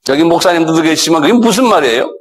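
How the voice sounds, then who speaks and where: A middle-aged man preaching a sermon as pastor, animated and acting out scolding dialogue, often asking his listeners for assent. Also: rapid-fire, rough recording. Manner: animated, acts out dialogue with sudden raised pitch.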